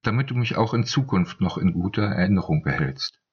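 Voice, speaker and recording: Man doing an earnest young man, soft, low voice, husky. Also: expressive, fairly quick, highs cut off. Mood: tender.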